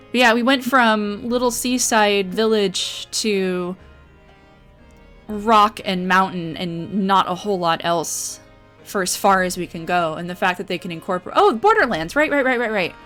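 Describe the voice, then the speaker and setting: A woman's voice: medium pitch, steady tone, measured pace, pauses often, fairly bright tone, faint music behind. A young woman hosting a casual livestream while playing a game, chatty and upbeat, with lots of fillers and affirmations. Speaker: livestream host.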